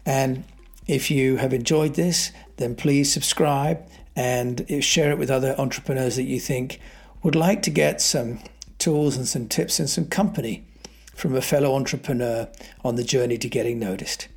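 A man with a husky, slightly breathy voice at an ordinary middle pitch, speaking on his own podcast. He talks in a loose, conversational way, dropping in "uh"s and restarting phrases as he goes. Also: normal speed. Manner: conversational, with frequent fillers and restarts. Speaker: podcast host. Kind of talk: solo podcast monologue.

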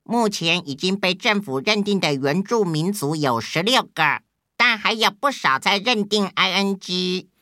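Brief: chatty co-host, very bright tone, slow and lively. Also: female voice, medium pitch, no echo, studio quality. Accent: Taiwanese Mandarin.

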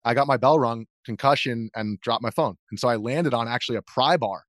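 In clean, dry studio sound, a mid-range male voice talks a little fast. He's an American video journalist being interviewed, spinning informal anecdotes, breaking off mid-thought, and performing other people's lines.

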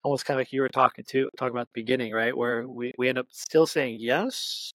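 A man hosts a podcast and thinks aloud in a rambling, halting way. His voice sits at a middling pitch. The recording is dry and close-miked. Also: fairly even intonation, no echo, low-quality recording. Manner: rambling, halting, with many restarts and fillers. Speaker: podcast host. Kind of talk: casual interview talk.

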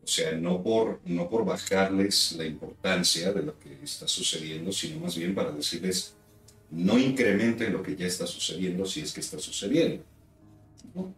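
A man's voice: low voice, moderate pace, a bit bright, distant mic. A man as host, commenting reflectively and backing up his guest in casual conversation. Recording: echoey room, away from the mic, faint music.

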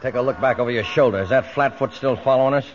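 A man's voice: mid-range voice, fast, lightly acted. An actor playing a jumpy small-time crook in a 1940s radio show, with clipped, slangy tough-guy talk. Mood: nervous. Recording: dull lo-fi 1940s radio recording.

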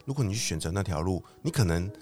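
Middle-aged man, podcast co-host, very low voice, reflective pace. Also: lively intonation, fast. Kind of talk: casual podcast chat.

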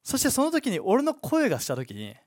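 A man preaching a sermon as pastor, pausing for an interpreter and acting out the voices in his stories. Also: extremely high pitch, wildly swooping pitch, a little mellow.

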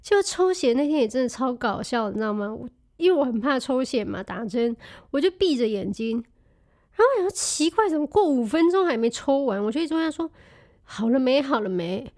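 A woman telling a funny story in casual chat, animated and laughing often, mixing in English words. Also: high voice, a little fast.

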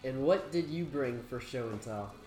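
A man's voice: mid-range voice, expressive, normal speed, mellow. A young man joking and laughing during a party card game with friends. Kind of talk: casual chat. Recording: echoey room with clear music.

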